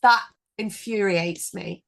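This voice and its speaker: A woman in her thirties co-hosting a podcast in casual chat, animated and quick to swear when indignant. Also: medium pitch, creaky. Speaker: podcast co-host.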